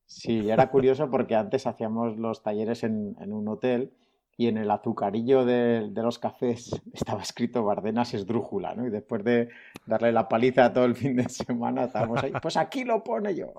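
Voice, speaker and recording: A man's voice: mid-range voice, little pitch movement, fairly quick, warm tone. A man being interviewed as a nature photographer, talking in a chatty, good-humoured way. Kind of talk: casual interview.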